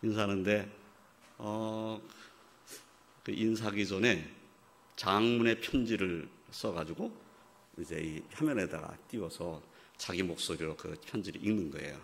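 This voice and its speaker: A man preaching a sermon, telling a story in a quiet, halting way and building to loud, emphatic preaching, acting out the voices of the people he quotes. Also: sits low. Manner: acts out quoted voices of fathers and God. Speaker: pastor.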